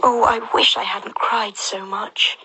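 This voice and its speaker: A woman voicing Alice, a polite and bewildered young girl, in a high, prim girlish voice for a storybook reading. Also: flat delivery, a little slow, creaky, sharp tone, slightly rough, exaggerated voice, rough recording. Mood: worried.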